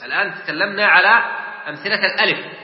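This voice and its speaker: A man teaching a class, explaining slowly, repeating words and quizzing his students. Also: high-pitched. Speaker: Quran teacher. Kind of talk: classroom lesson. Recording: echoey hall, dull sound.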